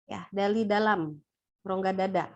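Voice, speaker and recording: A woman lecturing nursing students in an online class, asking them questions in a brisk, playful way. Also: mid-range voice, highs cut off. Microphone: laptop or webcam mic on a video call.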